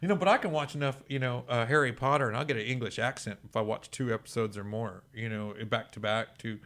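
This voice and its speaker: A man's voice: mid-range voice, fast talker, fairly bright tone. A man with a Texan accent hosting a casual interview, rambling and chuckling as he acts out his stories. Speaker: radio show host.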